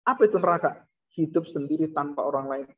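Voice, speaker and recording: A fast-talking pastor with a slightly rough voice gives an animated sermon, rising high to portray frightened people and dropping low for solemn points. The audio sounds dull and lo-fi.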